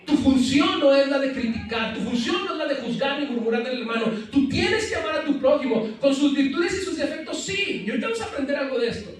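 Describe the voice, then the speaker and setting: A man preaches from a pulpit in a very high voice that rings through a cavernous, echoing church. He picks up the sound from a distance and keeps throwing questions out to the congregation. Now and then he slips in playful asides between points. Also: expressive, quick pace, few pauses. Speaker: pastor. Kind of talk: sermon. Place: church sanctuary. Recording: very echoey church hall, mic at a distance.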